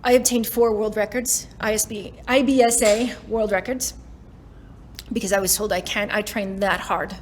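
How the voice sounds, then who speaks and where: On a summit stage in front of an audience, a Canadian woman in her forties gives a motivational keynote that's chatty and self-deprecating, with frequent laughter between lines. Her voice sits at medium pitch with fairly even intonation and normal speed, and there's slight background noise.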